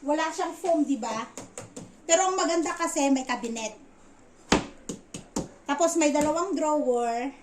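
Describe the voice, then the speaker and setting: High-voiced chatty woman, noisy home recording. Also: unhurried, long pauses. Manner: rambling, gossipy, repeats herself. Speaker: vlogger. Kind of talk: casual chatty storytelling.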